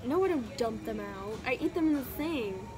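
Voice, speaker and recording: A woman's voice: a little high, animated, normal speed, very noisy. A teenage girl joking around with her friend on a phone vlog, silly and playful. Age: teens. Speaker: friend of the vlogger. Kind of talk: casual chat. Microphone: friend's phone camera.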